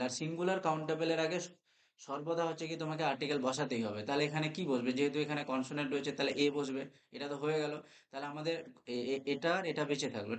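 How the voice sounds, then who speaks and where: Man, Bengali accent, grammar teacher running a live class, spells out words, voice a bit high. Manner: checks in with students often, spells words letter by letter. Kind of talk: live online class lecture.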